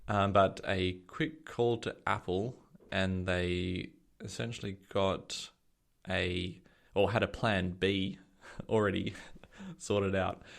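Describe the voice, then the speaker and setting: Man, deep voice, gravelly fry, podcast co-host, relaxed casual chat.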